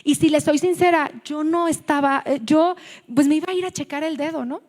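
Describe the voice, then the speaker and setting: A woman's voice: sits high, a little fast, darkish tone. A woman with a Mexican accent preaching a sermon to a women's meeting, speaking conversationally and telling stories, often correcting herself mid-phrase. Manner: conversational, storytelling, self-correcting. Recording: long hall reverb.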